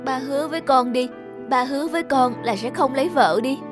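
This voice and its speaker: A woman's voice: sits high, fairly quick, voice pushed up, close to an everyday voice. A woman voicing a stubborn, jealous young daughter who pleads with her father and snaps at the woman he might marry, with music behind. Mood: pleading. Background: background music.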